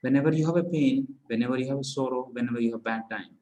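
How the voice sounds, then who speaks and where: A man's voice: medium pitch, rapid-fire, warm tone, rough recording. Earnest Indian man coaching gratitude. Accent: Indian English. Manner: earnest, repetitive affirmations, instructive. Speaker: mindset coach. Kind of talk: one-on-one coaching call.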